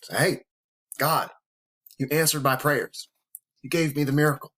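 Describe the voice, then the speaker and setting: A vlogger in his thirties speaks to camera at a moderate pace, his fairly high, slightly bright voice keeping a fairly even intonation. He mixes blunt profanity with heartfelt, motivational words, emotional and close to tears.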